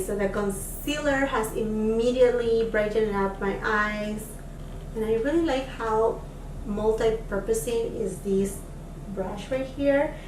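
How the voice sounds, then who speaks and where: A Peruvian beauty vlogger with a high-ish, slightly mellow voice chats casually through a makeup try-on, full of fillers and enthusiasm for the products. A camera mic at a distance in a home room leaves her voice a bit off-mic and echoey, with a little hiss or hum.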